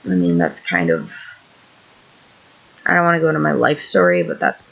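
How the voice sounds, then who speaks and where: With an extremely low, gravelly voice that's a bit bright and swings widely in pitch, a thirty-ish woman from Illinois speaks at normal speed in a lo-fi recording. Sitting indoors on her couch, she rants candidly for her vlog, rambling, frustrated, and self-deprecating.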